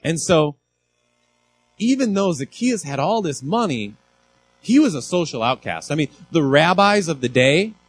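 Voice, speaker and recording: A man preaching an informal sermon, talking casually and animatedly with frequent restarts and quick asides to the congregation. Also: on the high side, sing-song, husky, poor audio. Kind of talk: conversational sermon.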